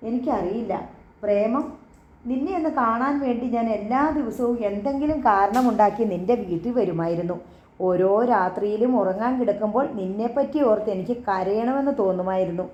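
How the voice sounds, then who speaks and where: A woman's voice: medium pitch, brisk, warm tone, lightly acted. A woman voicing an earnest, shy young man in love, in a dull echoey room recording. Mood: tender. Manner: earnest, flustered.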